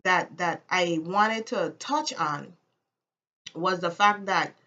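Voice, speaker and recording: This Caribbean-accented woman from the Virgin Islands has a low-sitting voice that's bright and forceful, moving at a slow pace over dull audio. Her casual, personal talk to camera is full of strong opinions. She leans on repetition to stress what she means.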